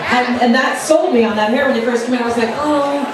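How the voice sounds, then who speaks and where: A woman's voice: a little high, quick pace. Blunt, sweary woman judging in an echoey venue. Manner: blunt, sweary, effusive talent show judge. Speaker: drag show competition judge. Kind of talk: off-the-cuff judging critique. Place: live show venue. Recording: echoey venue from far off, noisy crowd. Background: crowd noise.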